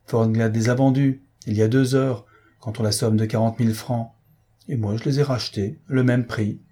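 A man's voice: mid-range voice, steady tone, moderate pace, mellow, breathy edge, close to an everyday voice. A man voicing a vindictive senior official who speaks coldly and gloats. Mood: calm. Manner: cold, gloating.

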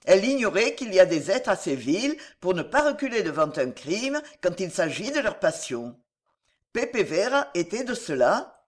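Audiobook narration, animated pitch, expressive, dramatic.

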